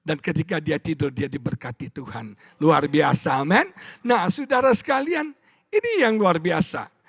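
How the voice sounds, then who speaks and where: A middle-aged man preaches in a notably high voice, recorded dry and close. He tells a story to the congregation, often asks them to answer back, and moves between quiet murmurs and loud outbursts. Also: dry recording. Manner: storytelling, audience call-and-response; wide swings from hushed to loud. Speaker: pastor. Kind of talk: sermon. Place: church stage.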